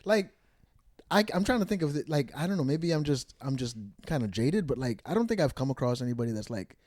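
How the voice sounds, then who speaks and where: Lively-pitched man, chatty and agreeable. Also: no echo, studio quality. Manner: lots of quick agreement, hesitant restarts. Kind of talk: casual podcast chat.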